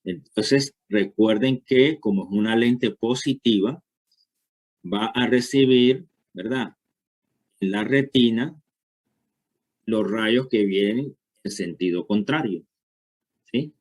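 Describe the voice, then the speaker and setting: Low-voiced man lecturing a class. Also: slow, pauses often, darkish tone. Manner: explanatory, asks checking questions. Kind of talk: university lecture.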